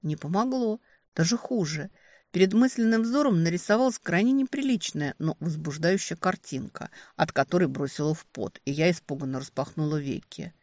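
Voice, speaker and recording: A woman narrating a first-person romantic fantasy audiobook, expressive and lively on the heroine's lines. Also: fairly low pitch, moderate pace, no echo.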